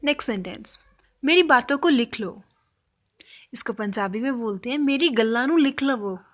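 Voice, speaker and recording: A woman teaching a spoken language lesson, slowly repeating example phrases for learners. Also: a little high, lively intonation.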